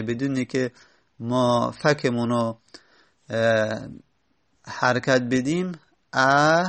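A man teaching a grammar lesson, explaining step by step and stopping to correct himself. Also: mid-range voice. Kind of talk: spoken classroom lesson.

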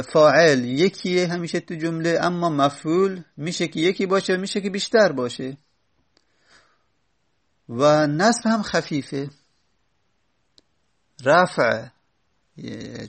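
A man's voice: fairly high pitch, fairly bright tone. Man explaining grammar step by step. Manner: explains step by step, stops to correct himself. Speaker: teacher of Arabic grammar. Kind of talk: spoken classroom lesson.

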